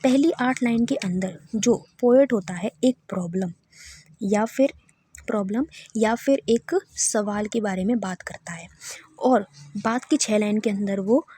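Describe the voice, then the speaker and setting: A woman's voice: mid-range voice, measured pace, warm tone, husky. Woman teaching a literature lesson. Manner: checks in with listeners often, repeats key terms.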